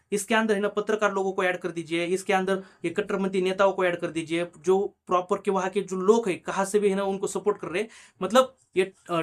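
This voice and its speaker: A man hosting his own channel, delivering a heated opinion monologue and pressing each point with a tag question. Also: high voice. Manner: heated, insistent, keeps tagging phrases with a questioning "na". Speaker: channel host.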